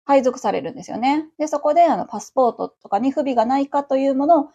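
Chatty Kansai woman with a gravelly voice. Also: sits high, fast talker, warm tone, highs cut off. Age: around 40. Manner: chatty, rambling, many fillers. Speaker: livestream radio host. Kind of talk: casual solo chat.

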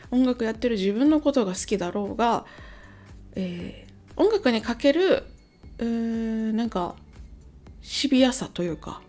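A woman's voice: fairly high pitch, a little mellow. Hungover woman chatting casually over music. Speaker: host, amateur-facing musician and songwriter. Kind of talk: casual solo chat to listeners.

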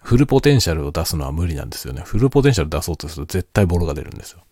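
Adult male, low voice, quiet night-time chat delivery, thoughtful explainer, dry close sound. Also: very animated, rapid-fire, slightly rough, no echo. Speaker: solo host of a spoken chat. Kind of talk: casual late-night chat.

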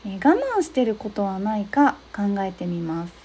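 A young woman hosting an advice talk, explaining steps gently with frequent soft agreeing fillers. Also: mid-range voice, animated, normal speed, a little hiss or hum. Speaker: podcast host giving advice to therapists.

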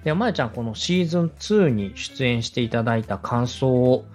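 A podcast host who also directs radio takes a coaching role here, polite and encouraging, over background music. He speaks briskly and expressively, his medium-pitched voice carrying a darkish tone.

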